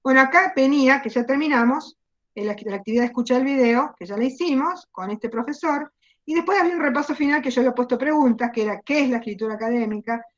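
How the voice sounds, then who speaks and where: A woman's voice: high-pitched, fast talker. A woman with an Argentine accent, a university teacher giving an online class, explaining patiently and asking the students questions. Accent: Rioplatense Spanish. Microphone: computer mic on a video call. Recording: dull lo-fi video call audio.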